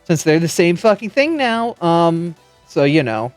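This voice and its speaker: A man's voice: fairly high pitch, very animated, unhurried, dry recording, soft background music. A man chatting casually while streaming a game, swearing freely and restarting his sentences. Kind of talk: casual gameplay chat.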